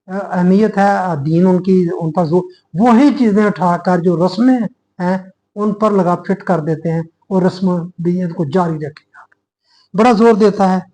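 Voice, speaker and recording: High-voiced man giving an earnest lecture. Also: a little mellow, low-quality recording. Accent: Pakistani Urdu. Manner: earnest, explanatory, addresses listeners as brothers. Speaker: religious speaker. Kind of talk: sermon-style lecture.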